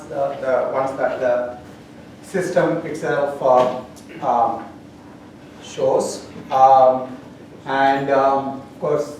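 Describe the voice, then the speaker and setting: A man with an Indian accent and a somewhat high voice talks to his class with lots of ums and wry asides. The sound is very roomy, picked up from a camera at a distance in a lecture hall, with faint background noise. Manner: rambling, many fillers, dry humor. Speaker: university professor. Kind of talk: classroom announcements.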